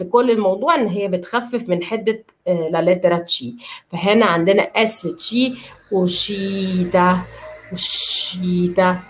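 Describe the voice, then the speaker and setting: A woman with an Egyptian Arabic accent teaching Italian, repeating words slowly and often checking that her students follow. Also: medium pitch. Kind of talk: online language lesson.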